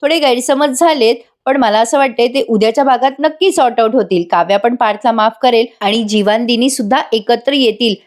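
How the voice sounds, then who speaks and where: A woman's voice: fairly high pitch, a little fast, few pauses. A woman giving a voice-over TV serial episode recap in a chatty, dramatic manner, speaking straight to her viewers. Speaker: TV serial reviewer.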